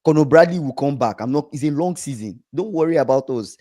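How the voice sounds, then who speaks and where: A man co-hosting a casual football podcast, emphatic and repetitive, a little hoarse. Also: on the high side, lively intonation, fast talker, dark tone. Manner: emphatic, repeats himself, trails off. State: slightly hoarse from shouting. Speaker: podcast co-host.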